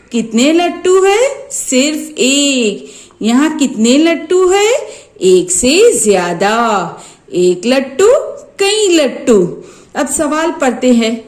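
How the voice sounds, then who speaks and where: Woman teacher, Urdu-medium Maharashtra accent, high and very lively, patient question-and-answer delivery for small children. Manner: slow, sing-song questions answered by herself. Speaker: primary school teacher. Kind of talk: teaching a first-grade maths lesson.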